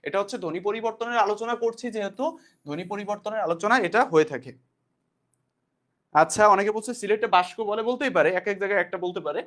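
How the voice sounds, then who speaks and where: A man with a high voice gives a casual classroom lecture. He explains step by step and repeats key points. He keeps asking his students questions back. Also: quick pace, a bit bright. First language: Bengali. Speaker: teacher.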